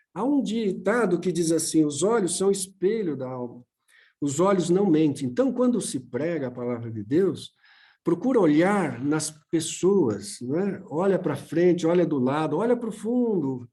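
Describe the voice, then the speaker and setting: A man's voice: sits high, a little mellow, breathy edge. A man with a Brazilian Portuguese accent giving a church seminar lesson on preaching, in a plain, patient teaching manner. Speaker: homiletics teacher.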